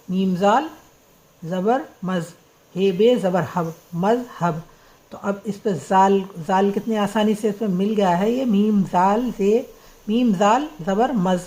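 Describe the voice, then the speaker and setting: A woman with a dark, mid-range voice patiently teaches Urdu script, spelling out words letter by letter in a slow lesson. The audio quality is poor.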